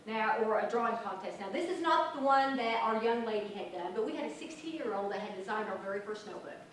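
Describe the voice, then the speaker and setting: A woman in her late forties speaks at a conference, chatty and enthusiastic, joking at her own expense. Her voice sits a bit high. She is picked up from a distance, with heavy room echo and a faint hiss behind her. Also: expressive, fast talker. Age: 40s. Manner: chatty, self-deprecating, enthusiastic. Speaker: prevention program presenter. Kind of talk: conference presentation. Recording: echoey hall from far off, faint noise.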